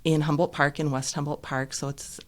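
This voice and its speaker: A woman's voice: sits low, level tone, fairly quick. A woman from Nevada, a nonprofit executive director and lawyer, speaking as an interview guest in an articulate, explanatory manner. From Reno, Nevada. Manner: articulate, explanatory, listing things.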